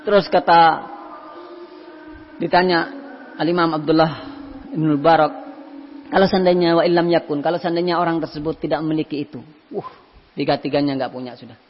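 A man's voice: fairly high pitch, a little fast, long pauses, slight background noise. A man giving an Islamic sermon, telling stories and acting out the people in them. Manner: animated storytelling with voiced quotes. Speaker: ustadz. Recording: dull lo-fi hall recording.

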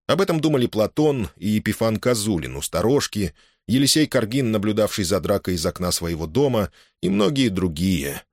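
A man reading a novel aloud as narrator, in an expressive storytelling manner. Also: lowish voice, no echo, studio quality. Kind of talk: audiobook reading.

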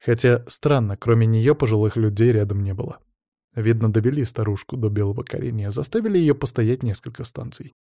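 A man narrating an audiobook in first person, in a steady, matter-of-fact way. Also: mid-range voice, a little fast, dry recording, studio quality.

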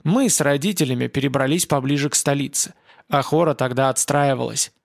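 Gravelly, blunt, commanding veteran priest in his fifties, voiced by the man who narrates, dry close sound. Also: medium pitch, brisk, no room sound, natural voice. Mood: grim. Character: gruff older male priest, war veteran.

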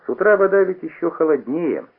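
A man's voice: fairly high pitch, animated, a little fast, voice pushed up. A man voicing an eager, easily offended teenage boy. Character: touchy freckled teenage boy. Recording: tinny old radio broadcast.

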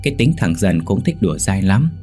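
A man narrating a ghost story in a measured, suspenseful manner. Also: low voice, big pitch swings, dark tone, breathy edge, faint music behind. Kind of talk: scripted horror story narration.

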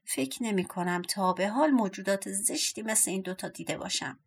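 A woman reading a gentle village girl. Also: medium pitch, creaky, slightly rough. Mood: calm.

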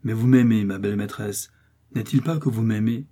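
A man reading aloud and playing a bold young swordsman, gallant and teasing, in a husky, dark voice. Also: lowish voice, moderate pace. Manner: gallant, mocking confidence.

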